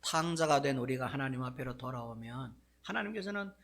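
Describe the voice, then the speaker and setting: A male pastor preaching a sermon, telling the story in a lively way with frequent asides to the congregation. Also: medium pitch, brisk, gravelly.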